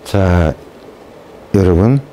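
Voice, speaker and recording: Warm-voiced man teaching math. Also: low voice, lively intonation, very slow, slight background noise. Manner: casual, often asks the class "right?". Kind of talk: lecture.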